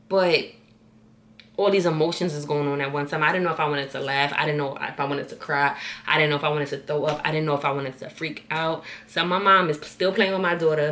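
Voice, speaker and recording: Low-voiced woman telling a story. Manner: animated, slangy, addresses viewers as y'all. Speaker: vlogger. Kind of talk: casual storytime.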